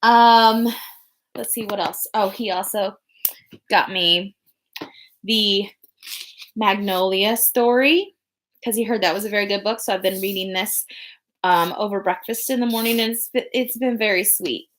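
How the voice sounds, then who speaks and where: A young adult woman hosting a podcast in casual chat, rambling with many pauses and restarts. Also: mid-range voice, slight background noise. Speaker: podcast host.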